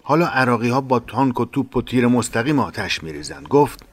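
A man narrating a war memoir in a measured, dramatic reading. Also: mid-range voice, expressive, no room sound.

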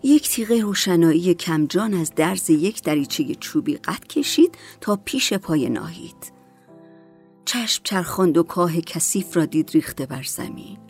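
A woman reads a story aloud as an audiobook, calm and measured. Her voice sits on the low side, with faint music running softly behind. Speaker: narrator. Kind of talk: audiobook narration.

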